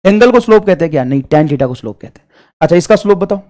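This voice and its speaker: Male math teacher, animated sing-song delivery, drills points by repetition, fond with students. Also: on the high side, very fast. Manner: addresses students fondly as children. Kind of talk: classroom lesson.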